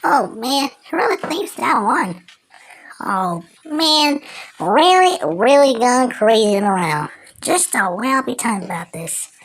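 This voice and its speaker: An amateur performer voicing a mischievous, excitable cartoon woodpecker, rambling and exclaiming with drawn-out words. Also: medium pitch, slight background noise. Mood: puzzled, grumbling. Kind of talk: amateur cartoon character impression.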